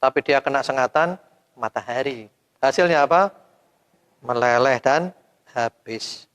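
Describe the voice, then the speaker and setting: A male preacher giving a sermon to a women's study group, firing rhetorical questions at his audience, with sudden loud rises and soft, trailing endings. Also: medium pitch, unhurried. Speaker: Islamic preacher. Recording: long hall reverb.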